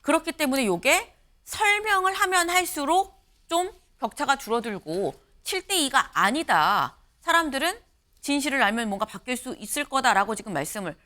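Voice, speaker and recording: A woman news anchor runs a studio political panel and reads poll figures in a brisk, clear way. Her voice is bright and high, and its pitch moves a lot. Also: animated.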